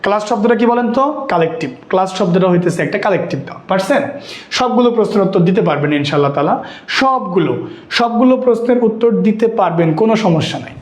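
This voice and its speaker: A fast-talking man leads an exam-prep lesson, repeating each point and firing questions at his students. His voice sits high, and the room adds a noticeable echo. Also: expressive. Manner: repetitive, questioning students constantly. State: sweaty and worn out. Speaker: teacher. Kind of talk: live online exam-prep class.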